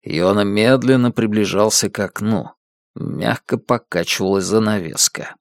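A man narrating an audiobook thriller in an even, measured reading voice. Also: fairly low pitch, vocal fry, no room sound, clean studio sound.

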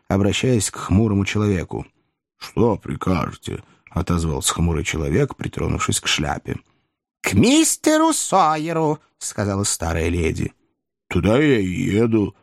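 A man reading a classic novel aloud as an audiobook narrator, measured and expressive. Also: low voice, dry recording, clean studio sound. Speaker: audiobook reader.

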